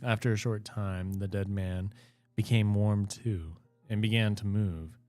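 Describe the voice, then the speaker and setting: A man reading fairy tales aloud in a casual, unhurried way. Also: on the low side, fairly even intonation, a little mellow, faint music behind.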